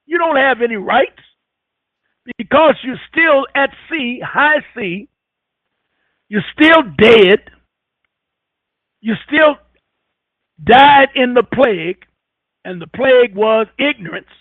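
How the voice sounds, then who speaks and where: A man's voice: extremely high pitch, no room sound. A man hosting a radio talk show, lecturing in a preachy, scornful way and hammering his points by repetition. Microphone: telephone. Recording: tinny phone line.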